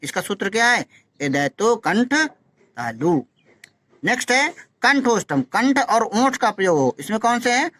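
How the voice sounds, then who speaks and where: A male teacher giving a phonetics lesson, who slowly demonstrates each sound, repeats syllables and urges his students to practise. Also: high-pitched, very animated, fairly bright tone.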